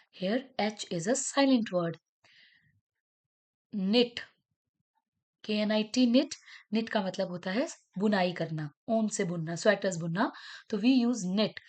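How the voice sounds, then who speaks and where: A woman English tutor with an Indian English accent, patiently teaching children and spelling out words letter by letter. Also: medium pitch. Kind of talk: classroom lesson for children.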